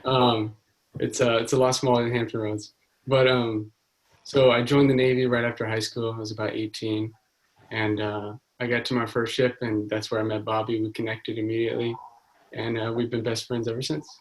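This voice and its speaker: A man's voice: mid-range voice, little pitch movement, moderate pace, low-quality recording. A man from California, a guest investor talking matter-of-factly on a video call. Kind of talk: casual video call chat.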